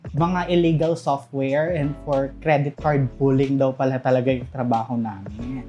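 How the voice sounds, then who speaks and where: A man's voice: medium pitch, steady tone, moderate pace, warm tone, muffled recording, soft background music. A young man with a Visayan accent, speaking as a guest in a casual interview and laughing often. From Southern Leyte, Philippines. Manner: candid, laughs often while telling stories. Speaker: guest, call center manager.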